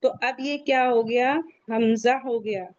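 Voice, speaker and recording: A woman's voice: fairly high pitch, fairly even intonation, measured pace, a little mellow, lo-fi sound. A woman teaching an online tajweed lesson, who asks questions and answers them herself. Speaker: Quran recitation teacher.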